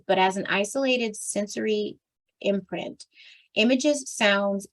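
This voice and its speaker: Reading nonfiction aloud for her book club, this woman sounds worn out, her medium-pitched voice a bit hoarse from so much talking. Every so often she clears her throat or restarts a line she stumbled over, all on poor-quality audio.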